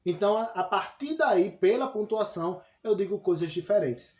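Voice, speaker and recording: A man's voice: high voice, expressive, normal speed. A man with a Brazilian Portuguese accent teaching a lesson, explaining step by step and talking straight to his students. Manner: explanatory, addresses students directly with frequent "olha só". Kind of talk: classroom lesson. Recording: echoey room.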